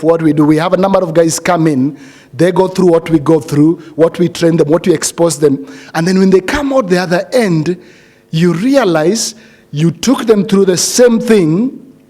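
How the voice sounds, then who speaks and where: A man's voice: fairly high pitch, mellow. A middle-aged man giving a motivational speech to a seated audience, earnest, often repeating phrases and asking the audience questions. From Kenya. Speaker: speaker addressing a graduating cohort.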